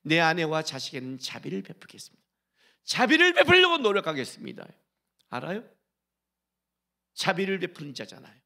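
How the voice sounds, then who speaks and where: A middle-aged male senior pastor preaching a sermon, urging his congregation with rhetorical questions and swinging between loud exhortation and hushed asides. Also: a little high, vocal fry. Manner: briefly sings a hymn line during the sermon.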